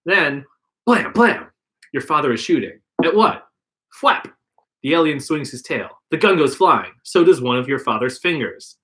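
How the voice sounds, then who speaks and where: A man's voice: on the high side, expressive, normal speed, a bit bright. A man reading an interactive gamebook aloud on a livestream podcast, putting on voices for the dialogue. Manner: reads narration plainly, puts on voices for dialogue. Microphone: livestream podcast mic.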